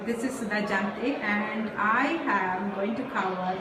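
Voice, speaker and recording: A woman's voice: mid-range voice, steady tone, a little slow. A woman hosting a show, chatting and asking her guest encouraging questions. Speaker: show host. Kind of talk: interviewing a guest. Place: noisy event venue. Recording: distant mic in echoey noisy venue.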